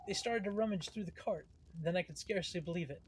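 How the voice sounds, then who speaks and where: A man's voice: sits high, fast talker, husky. A man reading the lines of a frightened, stout, middle-aged male merchant from a game, in close to his own voice. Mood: shaken. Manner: read aloud plainly, close to his own voice. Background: game music.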